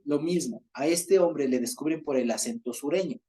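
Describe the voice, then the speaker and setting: A man leads a Bible study in a fairly high, mellow voice. He reads passages aloud, chuckles as he explains, and keeps checking that his group is following. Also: moderate pace.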